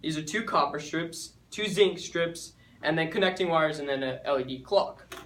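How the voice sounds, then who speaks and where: A man's voice: on the high side, normal speed, a bit bright, slight background noise. A young man giving a student talk on stage, chatty and joking, who often trips over his words. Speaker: student speaker. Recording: echoey hall, mic far off.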